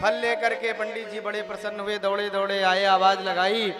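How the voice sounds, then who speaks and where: A male preacher telling a devotional story in a lively storytelling manner, now and then chanting verses. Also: high-pitched, moderate pace. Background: devotional music.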